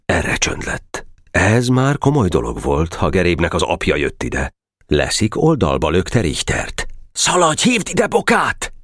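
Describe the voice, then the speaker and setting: Expressive deep-voiced male audiobook narrator. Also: dry recording, studio quality.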